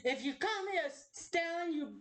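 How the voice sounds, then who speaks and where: A woman voicing an angry foul-mouthed male unicorn with a strained, yelling voice. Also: extremely high pitch, lively intonation, moderate pace, voice pushed up. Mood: furious.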